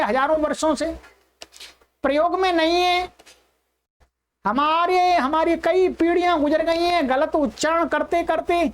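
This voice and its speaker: A woman teaching an online class, patiently repeating each sound slowly for her learners. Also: very high voice. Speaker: Sanskrit teacher.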